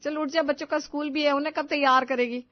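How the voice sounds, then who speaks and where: A woman voicing a loud, bossy older mother-in-law who scolds in shrill outbursts, on a dull, dry recording. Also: fairly even intonation, fast talker, dry recording, lightly acted. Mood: scolding.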